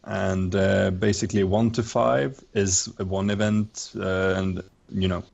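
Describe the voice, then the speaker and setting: A man's voice: deep voice, little pitch movement, vocal fry, a little mellow, muffled recording. A man as game master with an echoing voice. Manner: halting, many fillers. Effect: voice echoing back on the call. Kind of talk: narrating a tabletop game over voice chat.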